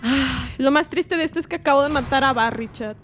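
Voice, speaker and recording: Una mujer con acento mexicano que comenta su partida en directo, reacciona con gritos excitados y traduce lo que dicen los personajes. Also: female voice, sits high, a little fast, background noise. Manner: excitable, shrieking reactions, translating game lines. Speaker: streamer. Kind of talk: gameplay commentary. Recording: game music behind.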